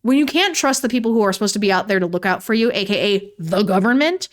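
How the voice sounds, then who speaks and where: A woman's voice: mid-range voice, lively intonation, quick pace. A young woman, giving a casual vlog commentary in a ranting, sarcastic way and swearing freely. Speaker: YouTuber.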